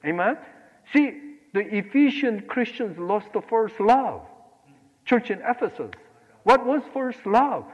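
A man from Korea preaching a sermon, animated, swinging between loud exclamations and quiet asides. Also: very high voice, unhurried, in a large hall, dull audio. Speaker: pastor.

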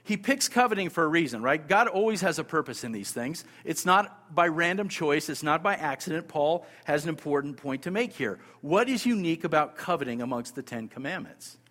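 A man's voice: fairly high pitch, expressive, a little fast, few pauses, a bit bright, big-room sound. A man preaching a sermon, emphatic, repeating key phrases and asking his listeners rhetorical questions. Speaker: pastor.

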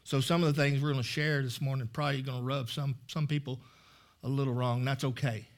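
A man preaching a sermon in a church, speaking candidly, with many halting restarts. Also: mid-range voice, level tone. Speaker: guest preacher. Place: church sanctuary.

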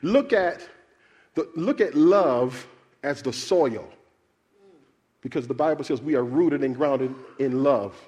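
A man's voice: medium pitch, slow, pauses often. A man preaching a sermon, asking his congregation questions and calling for answers. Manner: animated, calls out questions to the congregation.

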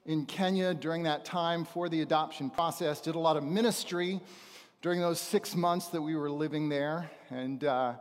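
A middle-aged man, a visiting preacher and missionary trainer, gives a church testimony as a sermon to the congregation, speaking from the stage of a large auditorium. His voice is a little high and steady, and his delivery is halting and conversational, with pauses for emphasis. The hall sound is reverberant.

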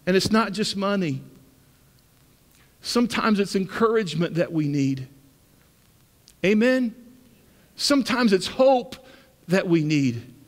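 A man preaching a sermon as pastor, acting out the words of the scripture figures in lively bursts. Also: high voice, slow pace, pauses often, long reverb tail.

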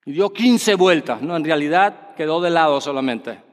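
A man's voice: a little high, expressive, moderate pace. A man preaching a sermon, projecting his voice and asking the congregation rhetorical questions. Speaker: pastor. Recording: long reverb of a church hall.

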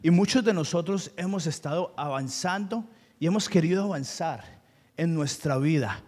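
Earnest Colombian preacher in a reverberant hall. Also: male voice, a little high, moderate pace, darkish tone. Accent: Colombian Spanish. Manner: earnest, personal storytelling, slips into English asides. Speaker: pastor. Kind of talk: sermon.

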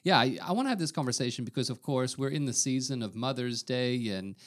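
A man's voice: mid-range voice, expressive, a little fast. A man in his thirties, a pastor co-hosting a podcast, talking in an earnest, self-deprecating way with frequent restarts. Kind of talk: casual conversation.

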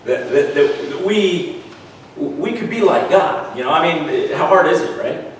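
A man's voice: a little high, expressive, measured pace. Thin, weak-voiced male preacher in echoey room. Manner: repeats words and seeks agreement with "right?". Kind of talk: conversational sermon. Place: large echoey room, worship gathering. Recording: echoey room, distant mic, faint noise.

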